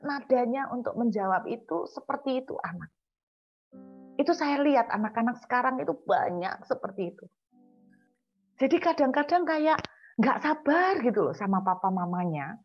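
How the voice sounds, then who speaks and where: A woman preacher, giving an earnest sermon and drawing out key words slowly for emphasis. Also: fairly high pitch, lo-fi sound.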